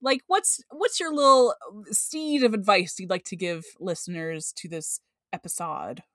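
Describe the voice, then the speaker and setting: A woman's voice: medium pitch, lively intonation, a little slow, fairly bright tone, no room sound, studio quality. A woman hosting a podcast, talking in a conversational, emphatic way with playful asides. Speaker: podcast host. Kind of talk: casual podcast chat.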